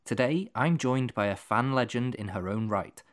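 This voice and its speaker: A man's voice: medium pitch, lively intonation, moderate pace. A man hosting a podcast, welcoming his guest and introducing topics in an upbeat way. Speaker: podcast host.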